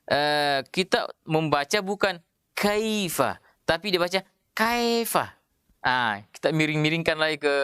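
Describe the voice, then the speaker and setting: A man teaching Quran recitation rules, explaining patiently with many drawn-out filler sounds and sounding out Arabic words aloud. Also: a little high, a bit bright, smooth, no echo, clean studio sound. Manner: demonstrates Arabic pronunciations aloud. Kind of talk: tajwid lesson.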